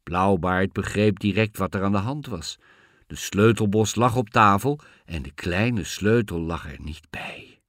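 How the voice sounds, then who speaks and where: Male storyteller, fairy-tale reading, animated and bright, dry sound. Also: lowish voice, unhurried, no room sound. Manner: lively, expressive storytelling.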